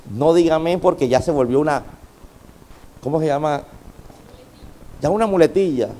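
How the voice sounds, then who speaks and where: A man with a high voice for his sex preaches a sermon with fervor. He is middle-aged and keeps calling out to the congregation to answer him back. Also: mellow, slight background noise. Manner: fervent preaching, calls out to the congregation for responses. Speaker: pastor.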